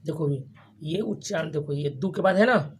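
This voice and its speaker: A teacher giving a grammar lesson to a class, repeating each term and asking quick questions for the students to answer back. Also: medium pitch, expressive, a little hiss or hum. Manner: frequent restarts and checking questions. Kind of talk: classroom lesson with call-and-response.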